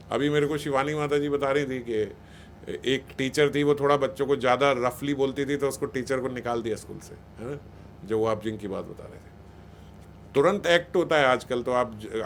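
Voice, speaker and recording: A man's voice: fairly high pitch, a little hiss or hum. A man giving a spiritual talk on raising children, conversational and scolding, often acting out what parents and teachers say. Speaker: spiritual speaker.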